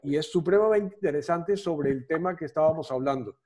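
A man's voice: on the high side, fairly quick, background noise. A man hosting a casual group video call, friendly, thanking people one by one by name. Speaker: host of a video-call discussion.

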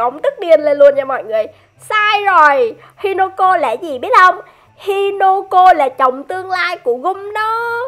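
A woman with a very high, bright-sitting voice commentating a game. She is excited and teasing, chatting to her viewers between bursts of laughter. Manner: addresses viewers directly. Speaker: gaming YouTuber.

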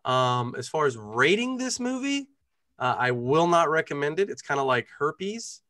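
Man, podcast panelist, bright forceful voice, dry close sound, blunt, sweary, casual chat. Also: on the high side, sing-song, normal speed, no echo.

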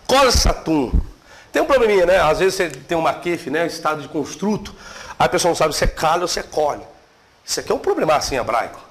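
A middle-aged man teaching theology in a seminary classroom, lively and questioning his students. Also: a little high, a little hiss or hum. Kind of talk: classroom lecture.

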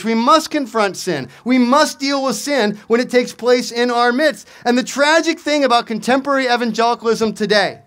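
A middle-aged pastor with a fairly high voice delivers a sermon from an outdoor lectern. He keeps asking rhetorical questions and hammers his points through repetition. The sound comes through a stand mic on the lectern. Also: a bit bright.

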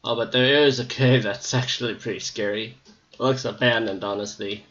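A man's voice: mid-range voice, steady tone, moderate pace, fairly bright tone, lo-fi sound. Scratchy-voiced man rambling over gameplay. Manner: rambling, hesitant, many ums. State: slightly scratchy voice. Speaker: gameplay video maker. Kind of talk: casual gameplay commentary.

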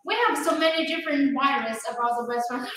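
Bright-voiced young woman presenting a product. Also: sits high, a little fast. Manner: upbeat, addresses viewers by name. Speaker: sales presenter. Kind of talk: livestream product demo. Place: large echoey warehouse showroom. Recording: echoey room, faint background noise.

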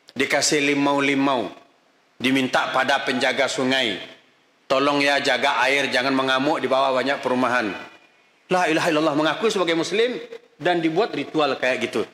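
The echo of a hall surrounds a middle-aged man preaching an Islamic religious lecture. His fairly high voice is bright and forceful as he scolds emphatically and fires off rhetorical questions.

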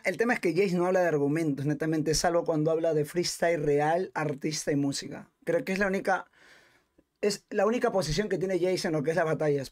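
A man giving live reaction commentary as a streamer judging a rap battle, brash and swearing often. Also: a little high. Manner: brash, swears often, quick rambling asides.

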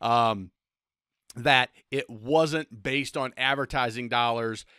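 A man's voice: mid-range voice, slow pace, pushed and bright, clean tone, no echo, clean studio sound. A man in his forties, a boating channel host, giving a casual rundown of products to camera with lots of ums and restarts. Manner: chatty, frequent ums and restarts. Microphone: desk microphone on camera.

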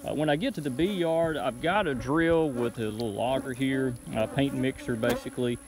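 A beekeeper in his thirties explains his work step by step in a relaxed how-to vlog, filmed on a phone he holds while working in an outdoor bee yard. His mid-range voice moves at a moderate pace, and the low-quality audio carries outdoor noise and buzzing bees.

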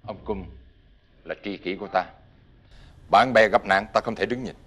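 An older actor playing a righteous, wealthy old gentleman who speaks with stern, dignified authority. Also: fairly low pitch, normal speed. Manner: dignified, stern, lecturing, uses archaic "ta/ngươi".

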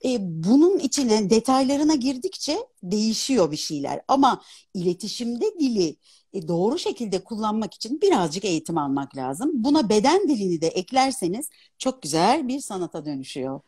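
A woman in her fifties, an opera singer and dubbing artist, talking as a guest in a casual live interview, animated and articulate. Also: medium pitch, normal speed, slightly rough. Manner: animated, articulate, laughs easily. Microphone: phone on a live video stream.

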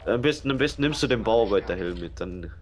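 A man's voice: fairly low pitch, lively intonation, fast talker. A man co-commentating casually on a video game in loose, unscripted chat. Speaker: let's play co-commentator. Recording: clear background noise, game ambience.

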